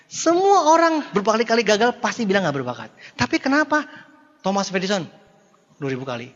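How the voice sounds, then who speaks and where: A man giving a jokey, animated motivational seminar talk, swinging between loud bursts and low murmurs. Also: brisk, dull audio. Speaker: motivational speaker. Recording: long hall reverb.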